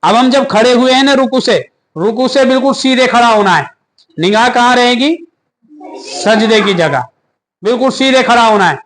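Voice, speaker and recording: A man teaching the steps of prayer in a question-and-answer style. He recites verses slowly with pauses and asks questions that he answers himself. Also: very high-pitched, background noise. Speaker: religious teacher. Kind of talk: step-by-step prayer lesson.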